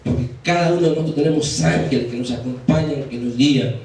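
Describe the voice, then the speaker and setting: A man's voice: medium pitch, quick pace, darkish tone. A male pastor with an Argentine Spanish accent preaching a sermon in a church, telling a story and acting out the voices of church members and an angel. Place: church hall. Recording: very echoey hall, distant mic, faint noise.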